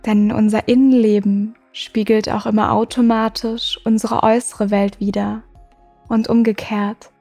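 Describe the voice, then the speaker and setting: A woman hosting a meditation podcast, guiding the listener in a soft, slow, soothing way with long pauses. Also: on the high side, level tone. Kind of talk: guided meditation. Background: music.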